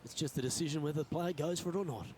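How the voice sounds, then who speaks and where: A man giving golf commentary as lead announcer, in understated, measured remarks on play. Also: fairly high pitch, a little mellow, slight background noise.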